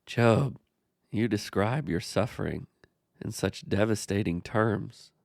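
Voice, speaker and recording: A man hosting a Bible study, explaining the passage in a measured way and speaking to the character directly. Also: fairly low pitch, gravelly, a little mellow, no echo, clean studio sound. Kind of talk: scripture commentary dialogue.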